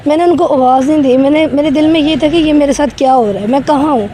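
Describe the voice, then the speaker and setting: A woman's voice: sits high, crowd noise. A woman recounting a frightening personal experience in an interview, her voice trembling and shaken as she tells it earnestly. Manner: emotional, earnest storytelling.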